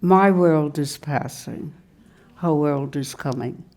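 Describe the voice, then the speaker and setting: A woman in her nineties, a retired English teacher, speaking in a measured, gracious way on a live panel. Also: low voice, a little mellow. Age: 90s. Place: live event before an audience.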